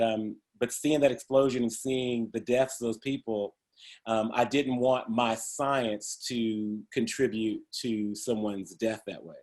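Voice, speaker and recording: A middle-aged man, a guest in a relaxed interview, shares funny tales from his life and laughs frequently. His voice is mid-range and a little mellow.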